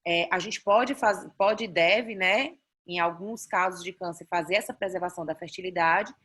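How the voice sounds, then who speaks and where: A woman doctor with a Brazilian Portuguese accent teaches an online fertility class over a video call, walking through her slides step by step. Her voice is fairly low and a bit bright with a breathy edge, at a normal speed. She explains things with frequent "né?" check-ins and often restarts her sentences.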